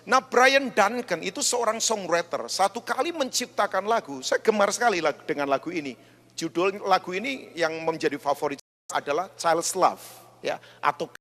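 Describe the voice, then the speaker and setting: A man preaching a sermon as pastor, telling stories and rising to shouts. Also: high-pitched, lively intonation, moderate pace. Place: large church hall. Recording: echoey church hall.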